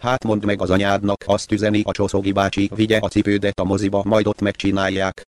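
A man's voice: on the low side, monotone, no room sound, lightly acted. A man reading the lines of a grumpy old shoemaker who grumbles curtly. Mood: gruff. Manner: grumbling, curt. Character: grumpy old male shoemaker, gruff but not cruel.

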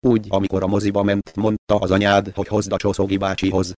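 A man's voice: fairly low pitch, monotone, a little mellow, no echo, natural voice. A man reading the lines of a grumpy old shoemaker who grumbles curtly. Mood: gruff. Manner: grumbling, curt. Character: grumpy old male shoemaker, gruff but not cruel.

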